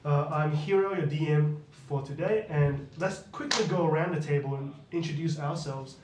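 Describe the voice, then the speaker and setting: A man who is game master and host of a tabletop game show, talking in an excited, chatty way around a table in a studio. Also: a little high, moderate pace. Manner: excited, chatty, laughs often. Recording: roomy, distant mic with noise.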